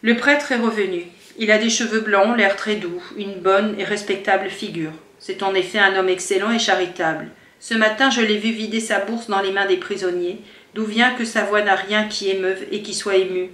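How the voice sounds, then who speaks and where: A woman's voice: medium pitch, steady tone, normal speed, fairly bright tone. Woman reading a novel aloud with feeling. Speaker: audiobook reader. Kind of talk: dramatic reading of a classic novel. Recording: roomy sound from some distance from the mic.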